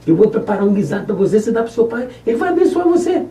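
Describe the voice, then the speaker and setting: A man's voice: high-pitched, big pitch swings, rapid-fire, mellow, echoey room, voice pushed up. A man voicing a scheming mother who urges her son on, with a Brazilian Portuguese accent, recorded from a distant mic. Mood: urgent. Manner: urgent, conspiratorial.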